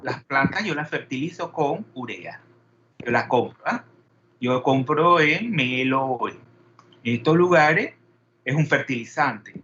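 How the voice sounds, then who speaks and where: Questioning chemistry teacher. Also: male voice, medium pitch, expressive, slow, pushed and bright, muffled recording, a little hiss or hum. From Panama. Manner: questioning, digressive. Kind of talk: classroom lecture.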